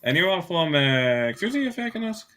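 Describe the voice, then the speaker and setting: A man's voice: on the high side, very animated, fairly quick, crowd noise, pitched above the performer's own voice. A man voicing a skeptical mercenary leader in tabletop role-play, speaking hesitantly and with polite dismissiveness. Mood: polite, weary. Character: reserved, skeptical male mercenary leader far from home.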